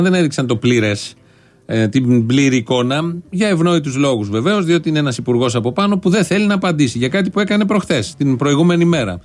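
A man hosting a satirical show, giving ironic, mock-serious commentary and repeating phrases for effect. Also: mid-range voice. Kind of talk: sarcastic commentary.

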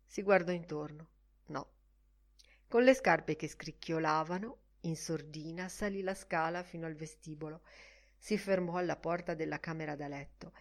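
A woman narrating a literary audiobook expressively, often dropping her voice to a soft hush. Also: low-pitched, moderate pace. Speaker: audiobook reader.

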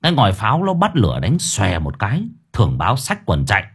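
A man's voice: lowish voice, quick pace, husky. A man narrating an audiobook expressively. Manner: expressive storytelling. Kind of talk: scripted narration.

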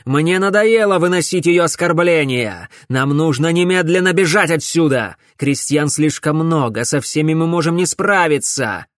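A man's voice: a little high, slow pace, few pauses, no echo, clean studio sound. A man voicing a scornful witch in a noble household who speaks with cold contempt. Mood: urgent. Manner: sneering, contemptuous.

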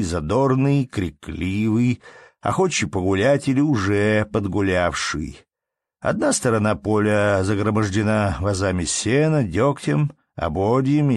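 A man's voice: fairly low pitch, no echo. Man narrating an audiobook, dry sound.

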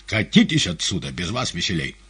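A man's voice: deep voice, sing-song, brisk, a bit bright, husky, heavily acted. A man voicing a mocking conjurer's assistant with a bleating goat-like tenor in a theatrical, jeering manner. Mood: sly menace.

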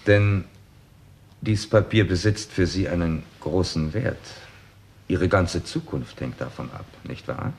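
An actor in a 1960s German radio crime play portrays a confident, composed police detective probing a case, his voice fairly low, darkish and fry-laced, his speech formal and exact. He lays out the facts methodically and presses with rhetorical questions, delivered animatedly, a little slowly and in a heavily acted style.

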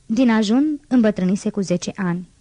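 A woman reading a classic novel aloud in a steady, measured narration. Her voice is mellow and dark, close and dry with no room sound. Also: medium pitch, dry recording. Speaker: audiobook reader. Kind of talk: scripted narration.

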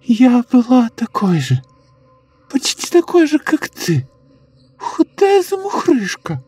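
A man voicing a sly, sinister old woman who speaks in a slow, eerily calm coo in a horror audiobook. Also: very high voice, slightly rough, pitched above the performer's own voice, heavily acted. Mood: confiding. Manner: slow cooing, sinister giggles.

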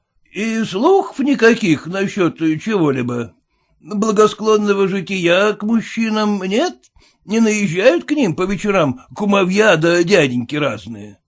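A man voicing a coarse, tipsy old-fashioned merchant landlord who talks down in a slow, drawling way. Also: high-pitched, expressive, pitched above the performer's own voice. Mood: condescending.

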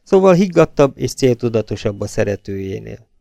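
Gravelly male audiobook narrator. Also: medium pitch, no room sound. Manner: steady, measured reading. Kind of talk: novel read aloud.

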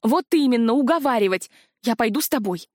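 A woman's voice: on the high side, lively intonation, a little fast, a little mellow, no echo, natural voice. Brief: woman reader as an earnest, stubborn young heroine, close dry read, near her own voice.

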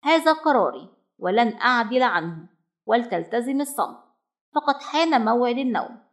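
A mother bird out of a children's storybook, firm and decisive, with loving tenderness underneath. Her voice sits a touch high, as a woman narrator puts her on. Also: normal speed, lightly acted. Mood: stern. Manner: stern and decisive, warmly tender.

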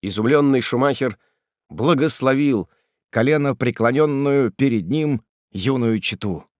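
A man narrating a classic novel in an expressive storytelling manner, close to the mic. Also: medium pitch, a little slow, dry recording. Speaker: audiobook narrator. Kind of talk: scripted narration.

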